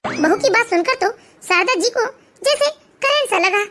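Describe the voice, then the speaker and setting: A woman narrating an animated family story in a plain, steady storytelling manner. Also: extremely high pitch, normal speed, noisy background.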